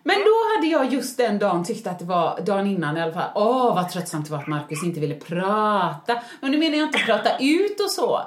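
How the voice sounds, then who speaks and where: A woman's voice: medium pitch, very animated, few pauses, roomy sound, slight background noise. A woman co-hosting a podcast in casual chat, chatty and self-mocking, laughing often. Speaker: podcast co-host.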